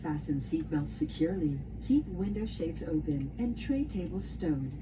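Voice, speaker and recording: A woman's voice: low voice, expressive, normal speed, background noise. A woman working as a flight attendant, reading a scripted safety announcement in a formal, instructional way over an aircraft cabin PA.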